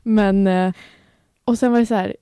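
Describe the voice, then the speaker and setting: A woman's voice: mid-range voice, steady tone, dark tone, clear, resonant tone. A young woman, co-hosting a podcast and telling stories about herself in a candid, self-mocking way. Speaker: podcast co-host. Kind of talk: casual chat.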